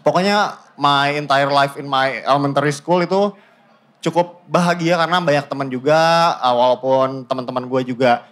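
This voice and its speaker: A man in his twenties with a Jakarta accent, telling his life story in a casual, joking way with deadpan fake-outs and English mixed in. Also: medium pitch, normal speed. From Indonesia. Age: 20s. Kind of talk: casual stand-up style storytelling.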